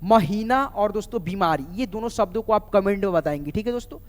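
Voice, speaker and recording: A man's voice: sits high, lively intonation. A man teaching a lesson, spelling words letter by letter and asking viewers questions. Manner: slow, spells letters out one by one, often asks viewers questions. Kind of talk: spoken classroom lesson. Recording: long reverb.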